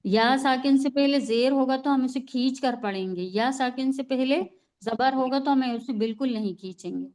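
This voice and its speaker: A woman's voice: sits high, moderate pace, darkish tone. A woman teaching Quran recitation rules in an online class, patient and repetitive, often checking with "right?". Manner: patient, repeats rules and asks "है ना?". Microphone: online class call.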